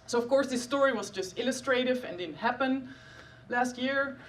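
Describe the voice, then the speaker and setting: This stand-up set comes from a Dutch woman in her thirties, a neuroscientist who jokes dryly and self-deprecatingly about her work with frequent fillers on a comedy stage. Her high-pitched voice moves at normal speed, and the distant recording is poor, with a little hiss or hum.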